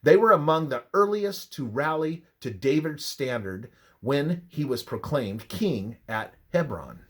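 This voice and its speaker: Reading religious study material, a man narrates a scripted Bible devotional, phrasing each line deliberately. His pace is slow and measured, his intonation lively and varied, and his voice is on the high side with a breathy edge.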